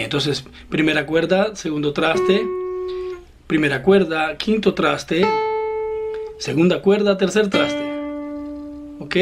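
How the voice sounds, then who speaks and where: A man giving an online guitar lesson, patient and encouraging, explaining each step slowly and talking straight to the student. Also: fairly high pitch. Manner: slow, step-by-step instruction. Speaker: guitar teacher. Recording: loud guitar playing behind the voice.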